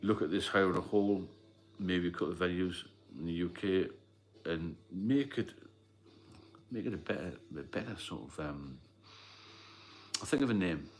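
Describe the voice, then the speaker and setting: Speaking at a moderate pace in a voice that sits low, a man hosts a casual livestream. He's straightforward and meandering, answering viewers' comments along the way.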